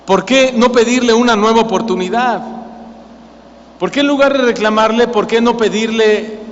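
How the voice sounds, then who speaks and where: A man in his thirties with a Mexican accent, preaching a sermon, questioning the congregation and rising to loud cries. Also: very high-pitched, moderate pace. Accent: Mexican Spanish. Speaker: pastor. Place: church hall. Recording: lo-fi church recording with long reverb.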